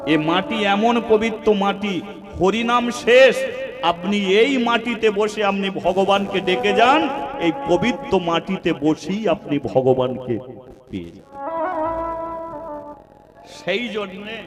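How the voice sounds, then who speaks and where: High-voiced man preaching in a reverberant hall. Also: expressive, slow pace, long pauses. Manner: preaching to a seated audience, half-sung phrases. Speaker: kirtan singer and preacher. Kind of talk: devotional sermon with storytelling. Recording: long hall reverb with music. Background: instrumental music.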